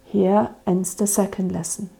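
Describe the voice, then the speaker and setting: A woman leading a church service, reading scripture and prayers in a measured, solemn intoning manner. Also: medium pitch, level tone, vocal fry, mellow, breathy edge, rough recording. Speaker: service officiant. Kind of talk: liturgical reading of evening prayer.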